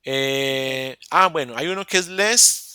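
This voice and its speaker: In a live online English class, a man explains things step by step, with many restarts and self-corrections along the way. He speaks slowly in a mid-range voice that is sharp yet smooth, recorded cleanly in studio quality with no room sound.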